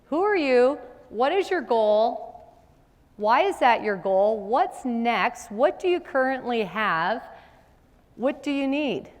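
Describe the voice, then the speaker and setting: A woman's voice: a little high, animated, takes it slowly. Middle-aged woman presenting a seminar. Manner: conversational, asks the audience rhetorical questions. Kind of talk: business seminar talk. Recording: long hall reverb.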